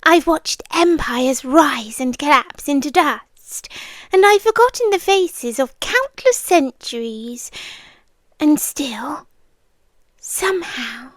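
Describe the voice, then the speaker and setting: In a high, expressive voice and at a slow pace, a British woman portrays an ancient vampire countess for girlfriend ASMR, with no room sound at all. Her performance is theatrical and intimate, adoring and possessive, slipping into whispers, both devoted and menacing.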